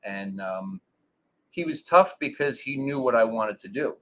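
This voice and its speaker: A man in his forties, a former pro ballplayer, telling stories in a relaxed interview with lots of fillers. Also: medium pitch, measured pace. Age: 40s. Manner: relaxed storytelling with many fillers. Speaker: guest, former pro baseball pitcher. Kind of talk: casual interview.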